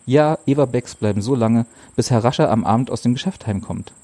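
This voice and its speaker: A man narrating a children's book in a calm, measured storytelling manner. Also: mid-range voice. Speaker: audiobook narrator. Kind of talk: scripted narration.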